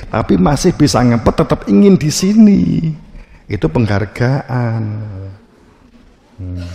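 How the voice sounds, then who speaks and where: A man's voice: fairly low pitch, creaky, mellow, long reverb tail, slight background noise. A man with a Javanese accent giving a religious study lecture. He talks without hurry, jokes, and acts out little scenes. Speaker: religious teacher.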